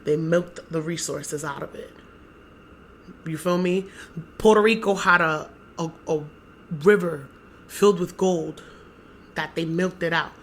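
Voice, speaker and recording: A woman's voice: deep voice, measured pace, pauses often, a little hiss or hum. A young woman, co-hosting a podcast in a casual, profane, emphatic chat. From Dominican-American, raised in the United States. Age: young adult. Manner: animated, profane, talks with emphasis and repeats herself. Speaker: podcast co-host.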